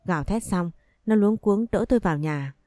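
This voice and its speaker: A woman reading a first-person story aloud as narrator in a steady, even voice. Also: medium pitch, brisk, no room sound, studio quality.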